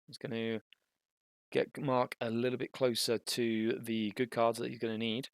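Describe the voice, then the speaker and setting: Young guy doing card game commentary, gravelly, dry close mic, chatty and rambly. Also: mid-range voice, normal speed, no room sound. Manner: casual, thinking aloud, bursts of excitement.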